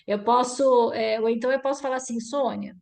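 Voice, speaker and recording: A woman mentoring a group online, lively and explaining with acted-out examples over a video call. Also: fairly high pitch, fast talker, gravelly. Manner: lively, acts out example dialogues. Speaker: workshop mentor.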